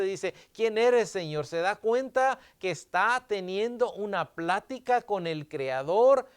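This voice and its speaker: A man's voice: sits high, clear, resonant tone. A male pastor giving a Sabbath school sermon, reading scripture aloud and explaining it with emphasis.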